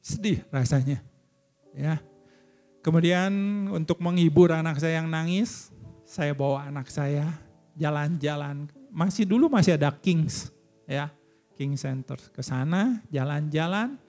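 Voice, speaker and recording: High-voiced man preaching a fervent testimony. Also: a little slow, pauses often, darkish tone, soft background music. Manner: emotional storytelling, rising to fervent high peaks. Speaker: church elder preaching. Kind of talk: sermon with personal testimony.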